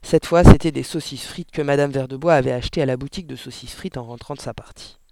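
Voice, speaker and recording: A man reading a children's novel aloud, expressive and dropping to a hush at tense moments. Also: mid-range voice, fast talker, creaky, no echo. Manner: expressive, dropping to a whisper for suspense. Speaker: audiobook reader. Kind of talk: storybook narration.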